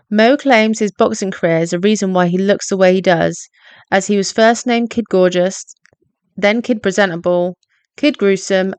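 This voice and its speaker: A woman's voice: medium pitch, dry recording. Woman narrating a video essay. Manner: measured, explanatory. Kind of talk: scripted narration.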